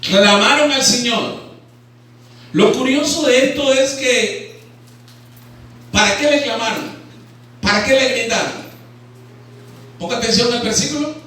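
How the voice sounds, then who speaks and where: A Nicaraguan man preaches in a high, carrying voice, often turning to ask his congregation questions. His voice rings through a very echoey hall and is picked up from some distance off the mic. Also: measured pace, pauses often, sharp tone. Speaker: pastor. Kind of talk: sermon. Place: church hall.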